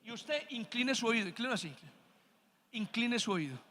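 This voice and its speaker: High bright-voiced man preaching in a hall. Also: lively intonation, moderate pace, a little hiss or hum. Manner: preaching with rising emphasis, calls for amen. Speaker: pastor. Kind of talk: sermon. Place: church sanctuary. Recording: long church hall reverb.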